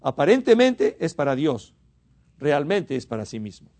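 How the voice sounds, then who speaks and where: A man's voice: fairly high pitch, sing-song, normal speed. Fervent Mexican man preaching a sermon. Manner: fervent, rises to emphatic exhortation then drops to quiet asides; repeats and restarts words for emphasis.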